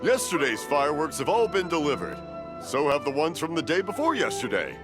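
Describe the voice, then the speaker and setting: A cheerful deaf old fireworks maker. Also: male voice, fairly high pitch, sing-song, a little fast. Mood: cheerful, rambling. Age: older. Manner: rambling, mishears and repeats himself, chuckles. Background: game music.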